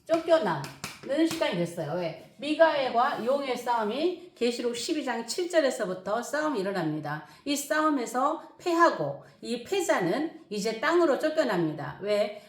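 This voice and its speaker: A middle-aged woman pastor teaching the Bible in an emphatic preaching manner. She repeats key words for stress and pauses often with fillers. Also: a little high, echoey room.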